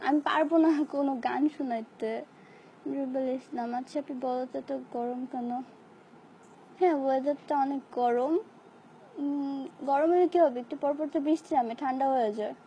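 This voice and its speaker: A young woman with a high, mellow voice that is hoarse from a sore throat. She chats casually and playfully with her viewers, dropping English phrases into her replies. Faint background noise sits under the recording. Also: moderate pace. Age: young adult. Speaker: live-stream host reading viewer comments. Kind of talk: casual live chat answering comments.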